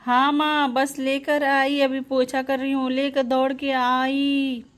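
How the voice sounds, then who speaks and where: A woman's voice: high-pitched, level tone, slow. A woman voicing a mistreated young daughter who answers meekly and pleads through tears. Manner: meek, pleading, sobbing. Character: mistreated teenage daughter, meek and tearful.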